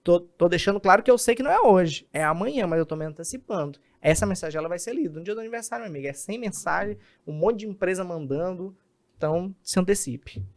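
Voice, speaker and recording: A man, a communication specialist, explaining in an animated podcast interview and acting out examples. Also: high-pitched, quick pace. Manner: animated, acts out examples in quoted voices.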